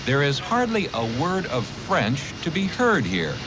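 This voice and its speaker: A man's voice: on the high side, huge pitch swings, a little slow, over music. A man reporting a scripted news feature in a wry, storytelling delivery. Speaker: news correspondent. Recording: voice-over with noisy street and river ambience.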